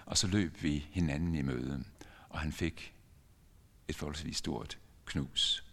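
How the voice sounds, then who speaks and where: A man's voice: extremely low pitch, vocal fry, a bit bright, breathy edge. An older man preaching a sermon as a pastor, telling a story earnestly with sudden emphatic rises in his voice. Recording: long church reverb.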